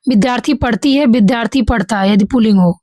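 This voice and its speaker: A woman's voice: on the high side, fast talker, mellow, no room sound. A woman with a Bihari Hindi accent teaching an exam-prep grammar lesson. She reads each example and then corrects it. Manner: reads examples then corrects them, says "ठीक है" often.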